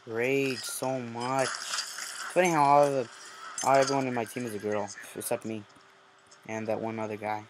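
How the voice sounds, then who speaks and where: A man's voice: mid-range voice, little pitch movement, moderate pace, background noise. A young man commenting on his gameplay, muttering in frustration and breaking into sudden outbursts. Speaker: gamer.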